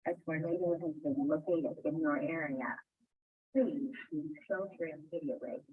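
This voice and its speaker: An automated emergency warning announcement from an outdoor siren loudspeaker, steady and measured as it repeats its instructions. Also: mid-range voice, husky. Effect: outdoor siren loudspeaker announcement played in a video. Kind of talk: formal public address alert, repeated. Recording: distant outdoor loudspeaker over a tinny call line.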